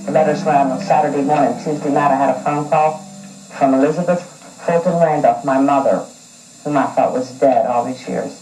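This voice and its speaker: A woman in her forties telling her own story in an interview, earnest and halting, with a distant echoey sound from an old TV broadcast. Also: extremely low pitch, fairly even intonation, mellow, soft background music. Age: 40s. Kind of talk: emotional personal account.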